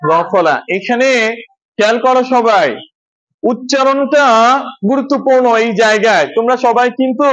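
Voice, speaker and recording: A man's voice: sits high, a bit bright, highs cut off. A man teaching a children's lesson, breaking words into parts and repeating each syllable for his pupils to echo. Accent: Bangladeshi Bengali.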